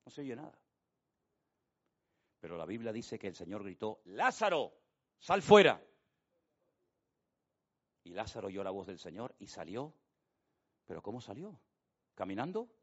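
A man preaching a sermon, telling the story with hushed and loud turns. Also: mid-range voice, expressive, normal speed, pauses often, husky. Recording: dull lo-fi sound.

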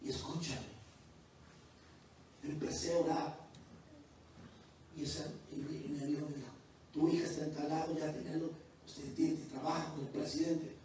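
A man who is a pastor, preaching a sermon that moves from quiet testimony to loud, fervent preaching. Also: fairly high pitch, steady tone, normal speed, long pauses, a little hiss or hum. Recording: distant, very echoey church hall.

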